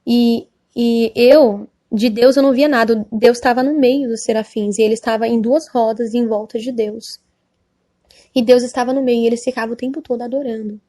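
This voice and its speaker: A woman's voice: high voice, darkish tone. Earnest Brazilian woman giving testimony. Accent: Brazilian Portuguese. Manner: emotional, earnest, with frequent "amém?" to listeners. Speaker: church member giving testimony. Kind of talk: spoken religious testimony.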